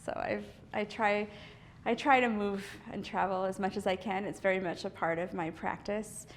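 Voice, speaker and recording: A woman's voice: medium pitch, fairly even intonation, normal speed, slight background noise. A woman artist from the US East Coast in a casual interview, talking thoughtfully with many fillers, restarts and light laughs. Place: indoor art studio.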